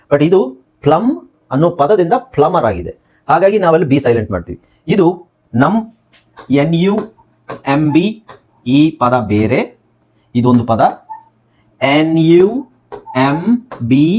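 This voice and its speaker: A man's voice: a little high, a little mellow, slightly rough. A man teaching a spoken English lesson, spelling words letter by letter, repeating them and asking his class questions that he then answers.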